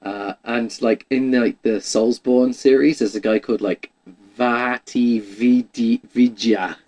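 A man's voice: mid-range voice, steady tone, slow pace, darkish tone, rough recording. A man chatting casually about video games, rambling and restarting his sentences with lots of "like". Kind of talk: casual chat.

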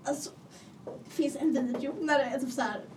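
Young woman, high and giggly, chatting casually; mic sits a little far off. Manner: giggly, animated storytelling. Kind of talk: casual chat. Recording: distant mic with faint background noise.

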